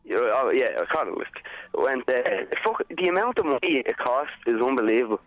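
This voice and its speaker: A man's voice: medium pitch, expressive, fairly quick, no room sound, narrow, tinny audio. A man with a Dublin accent calling in to a radio phone-in, telling his story in a blunt, sweary, rambling way. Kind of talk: casual confessional chat.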